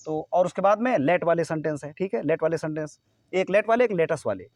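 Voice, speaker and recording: A man's voice: a little high, darkish tone, no echo, clean studio sound. A man from India teaching a grammar lesson to students, explaining step by step and often checking that they follow.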